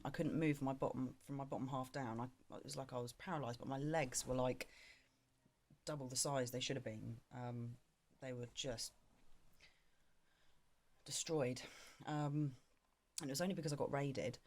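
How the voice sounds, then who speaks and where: Tired, halting woman vlogger. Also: a bass voice, darkish tone. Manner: halting and frank, many pauses. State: tired and drained, yawning. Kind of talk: personal video diary.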